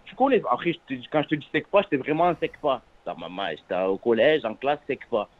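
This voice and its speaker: A man in his twenties with a French suburban accent calls in by phone, chatting in street slang in an earnest, halting way, repeating oaths and words. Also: mid-range voice, very animated. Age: 20s. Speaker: phone-in caller. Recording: narrow, tinny phone-line sound.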